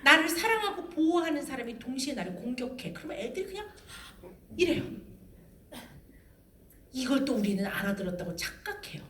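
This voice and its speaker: Animated woman lecturing in an echoey hall. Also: high voice, brisk, pauses often, distant mic. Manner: animated, acts out mother and child voices. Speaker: parenting lecturer. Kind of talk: lively public lecture. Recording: roomy hall sound, faint noise.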